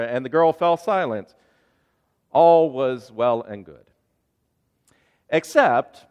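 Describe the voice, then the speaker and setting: A man preaching a sermon as pastor, telling a story earnestly with rising and falling emphasis. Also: mid-range voice. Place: church sanctuary. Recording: long hall reverb.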